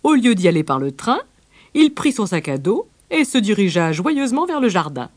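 A woman narrating a children's storybook with a gentle, expressive read-aloud manner. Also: mid-range voice, moderate pace, no echo.

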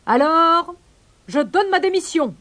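A woman's voice: on the high side, animated, moderate pace, natural voice. A woman voicing a fussy male pelican presiding over a trial, declaiming in a raised voice. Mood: pompous.

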